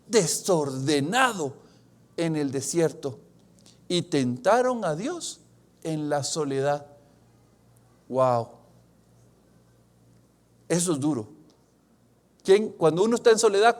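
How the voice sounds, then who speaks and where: A pastor preaches a sermon. He reads scripture aloud and speaks in an earnest, confessional way. His delivery swings from loud, emphatic bursts to hushed, drawn-out phrases. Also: high-pitched.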